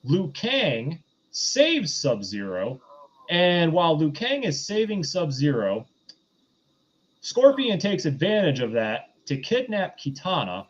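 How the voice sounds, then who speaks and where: Chatting casually as host of a film review show, a man with a slightly high voice talks haltingly and keeps backtracking in a loose, conversational way. The highs in the audio are cut off.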